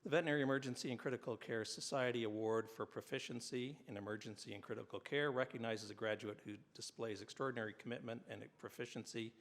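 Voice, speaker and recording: Speaking fast with hardly a pause, this man has a mid-range voice and fairly even intonation as he hands out awards at a university convocation. Formal citations come with the odd "uh," plus a few dry jokes at his own expense, and the large hall gives the recording a long reverb.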